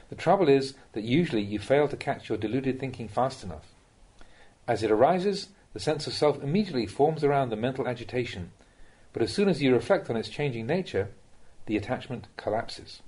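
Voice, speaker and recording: Here a monk's Buddhist talk is read by a man whose mid-range voice is slightly husky and a little mellow. He addresses the listener directly, with a measured, instructive tone.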